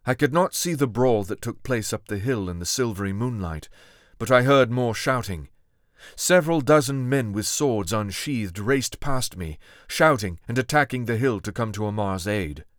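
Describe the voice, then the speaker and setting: A man reading a first-person adventure story aloud in a steady, dramatic manner. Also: mid-range voice, moderate pace, no room sound, studio quality. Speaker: audiobook narrator. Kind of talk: scripted first-person narration.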